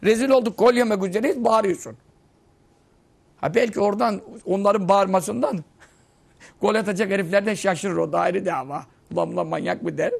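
A man's voice: high-pitched, moderate pace, vocal fry, pauses often. A man giving an informal Ramadan sermon, joking and scolding his listeners through anecdotes. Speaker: preacher.

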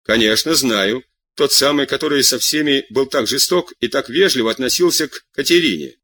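A man voicing a gruff, blunt middle-aged farmer with curt, impatient questions. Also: mid-range voice, normal speed, sharp tone, no echo.

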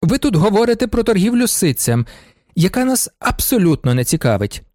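A man doing a whining aggrieved nobleman, high-pitched. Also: very animated, fairly quick, darkish tone, no echo, clean studio sound. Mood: plaintive. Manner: whining, complaining delivery. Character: plaintive clean-shaven male nobleman, aggrieved. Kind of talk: audiobook character voice.

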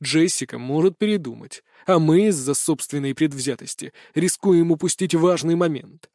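Man voicing a gruff aristocratic father. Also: fairly high pitch, normal speed, a little mellow, no room sound, studio quality, lightly acted. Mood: placating. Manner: blustering, then cold and threatening. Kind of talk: audiobook character voice.

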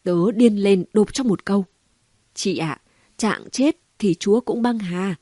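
A woman reading an audiobook voices a gossipy, sharp-tongued city woman who talks in quick exclamations and mockery. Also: medium pitch, no echo, clean studio sound, lightly acted. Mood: scornful. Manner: chatty, mocking, full of exclamations.

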